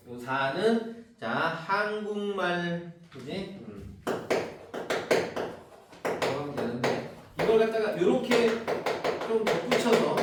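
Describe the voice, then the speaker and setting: Chatty male teacher in an echoey classroom. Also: sits high. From Seoul, South Korea. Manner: casual and chatty, teasing, keeps asking "right?". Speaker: cram school literature teacher. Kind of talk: classroom lecture. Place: large classroom. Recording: echoey classroom from far off, faint noise.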